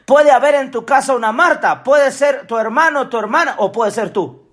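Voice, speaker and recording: A man preaching a sermon as an apostle, impassioned, with rising shouts and drawn-out phrases. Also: very high voice.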